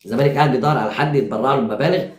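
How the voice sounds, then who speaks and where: A man's voice: mid-range voice, very fast, a little mellow. A man with an Egyptian accent giving urgent, critical football commentary. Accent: Egyptian Arabic. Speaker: sports pundit. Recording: echoey room.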